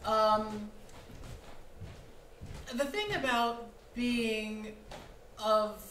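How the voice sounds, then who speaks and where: A woman playwright and producer with a medium-pitched, slightly bright voice speaks thoughtfully and emphatically at a post-show panel discussion, often asking "right?". She's on a small indoor theater stage, with a roomy hall sound and faint noise.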